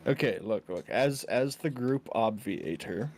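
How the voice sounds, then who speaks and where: A man's voice: on the low side, lively intonation, a little slow, a little mellow. A man playing a tabletop game, talking in a wry, joking way. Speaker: tabletop player. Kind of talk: casual in-character planning talk.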